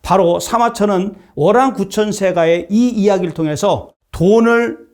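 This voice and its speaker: Middle-aged male professor, higher voice, lecture storytelling that voices each character. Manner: acts out dialogue of historical characters while retelling a story.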